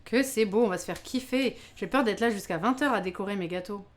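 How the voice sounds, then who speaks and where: A woman chats her way through a live baking stream, talking straight to her viewers. Her voice sits at an ordinary mid pitch, and her delivery is loose and exclamatory, sprinkled with frequent laughs. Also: a little fast. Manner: chatty, exclamatory, laughs often, talks to chat. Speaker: live-stream cooking host. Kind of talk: casual live-stream chat while baking.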